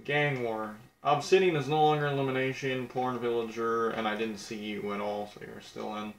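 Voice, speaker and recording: A man's voice: mid-range voice, little pitch movement, moderate pace, reverberant. A young man casually commenting on a video game, blunt and crude, mocking himself as he reads out who is eliminated.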